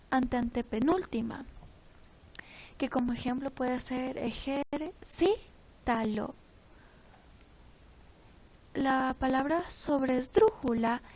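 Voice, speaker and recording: A teenage girl reading a class presentation from notes, pausing and stumbling over words now and then. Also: high-pitched, a little mellow, low-quality recording. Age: teens. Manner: reads from notes with pauses and slips. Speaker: student presenter.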